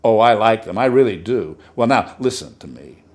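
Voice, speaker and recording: With a voice on the low side that stays close to his everyday speech, a man reads a short story aloud at normal speed, sounding animated. He plays a chatty society woman who gushes in a breathless stream and keeps praising herself.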